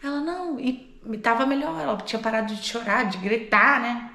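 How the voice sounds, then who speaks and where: A young woman, telling a story for her vlog. She is animated and laughs at herself, and she acts out the voices of the people in it. Her voice rings a little in an echoey room. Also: a little high, normal speed, gravelly. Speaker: au pair vlogger. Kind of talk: casual storytelling to camera.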